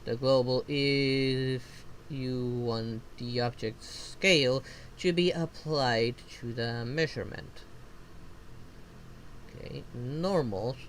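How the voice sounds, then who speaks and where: A vtuber streamer who isn't a native English speaker reads software documentation aloud while learning it, going slowly and haltingly and interrupting himself with casual asides. His voice is medium-pitched, and the poor-quality audio carries slight background noise.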